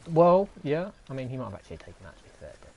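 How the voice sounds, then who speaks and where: A man's voice: medium pitch, very animated, rapid-fire, gravelly, warm tone, a little hiss or hum, poor audio. A man chatting sarcastically and swearing while streaming a game. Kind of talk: casual gaming chat.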